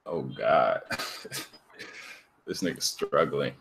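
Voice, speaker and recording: A man's voice: a bass voice, takes it slowly, gravelly, slight background noise. A man hosting a casual discussion podcast, telling a story in a laid-back way and laughing as he goes. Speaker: podcast host.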